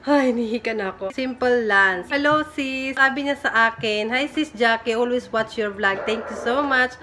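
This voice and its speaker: A woman's voice: a little high, moderate pace, pushed and bright, slight background noise. A young woman from the Philippines casually chatting on her home vlog, giggly and self-teasing as she reads viewer comments. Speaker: vlogger. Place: home room in Japan. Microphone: phone camera.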